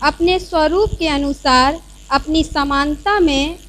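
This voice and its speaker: A woman from the congregation reading Bible verses aloud, steady and careful. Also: sits high, slow, slight background noise. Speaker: scripture reader in the congregation. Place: church hall. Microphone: handheld mic.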